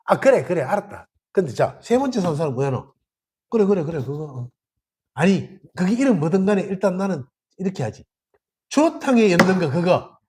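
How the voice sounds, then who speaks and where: Gyeongsang dharma teacher, husky, highly animated pitch, colloquial temple-hall talk. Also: moderate pace. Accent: Gyeongsang Korean. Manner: colloquial, acts out little dialogues.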